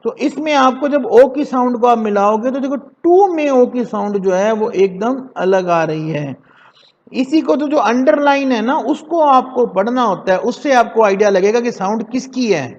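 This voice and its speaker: A man teaching an English lesson to children in Hindi, slowly drilling words for them to repeat. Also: very high voice, lively intonation, a little mellow. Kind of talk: classroom lesson explained in Hindi. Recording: dull echoey classroom recording.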